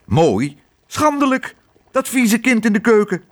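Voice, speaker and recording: A man putting on a shrill, bossy hotel lady. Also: wildly swooping pitch, moderate pace, husky, full character voice. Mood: scornful. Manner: scornful and shrill.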